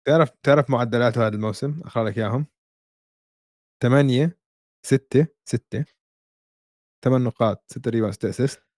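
A man's voice: mid-range voice, fast talker, long pauses, a little mellow, no echo, clean studio sound. A man with a Levantine Arabic accent hosting a casual basketball podcast, mixing English sports terms into his speech.

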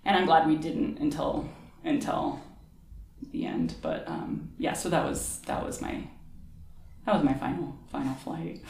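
A woman's voice: low-pitched, unhurried, creaky, slight background noise. A woman in her thirties telling stories from her nursing work in a casual chat, laughing often and acting out the people in them. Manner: animated, laughing, acts out voices in her stories. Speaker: podcast guest, nurse.

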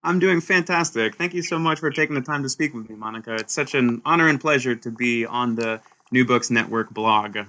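A man from Sweden, a historian being interviewed about his book, talking in an animated way with frequent restarts and "right?" tags. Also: medium pitch, fairly quick, hardly any pauses. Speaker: historian, author guest. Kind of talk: conversational interview answers.

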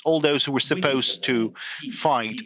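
A man gives a live interpreter voice, relaying a leader's words in plain, steady sentences. Behind him the loud murmur of a packed press room carries through. His pitch sits in an ordinary middle range. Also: unhurried. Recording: press conference with crowd noise.

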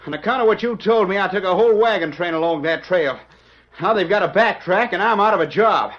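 An actor playing a hot-headed, plain-spoken frontier wagon guide with a folksy, blustering American Western drawl in a radio drama. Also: male voice, high voice, fairly quick. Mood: angry. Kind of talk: old-time Western radio drama acting. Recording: dull, band-limited old radio recording.

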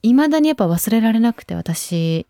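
A woman in her twenties hosting a radio show, chatting casually and relaxed, with frequent soft asides. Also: fairly high pitch, normal speed, dry recording, clean studio sound. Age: 20s. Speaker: radio host. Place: radio studio. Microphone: studio microphone.

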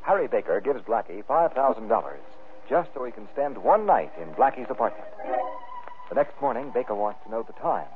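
A man's voice: medium pitch, sing-song, brisk. A man announcing an old radio show, delivering a formal recap of the story. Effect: old radio broadcast. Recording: tinny old radio recording with music.

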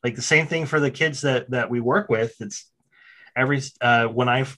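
Man, teacher, casual chat, animated, stumbles and restarts, playful. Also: mid-range voice, moderate pace. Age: adult. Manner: animated, self-interrupting, repeats words, jokes. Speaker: special education teacher. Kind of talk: casual podcast conversation.

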